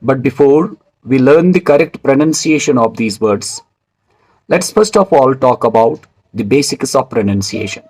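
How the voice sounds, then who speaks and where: A man teaching English pronunciation in a scripted video lecture, speaking in a measured, formal way and spelling out words letter by letter. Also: mid-range voice, animated, a little mellow, slightly rough, poor audio.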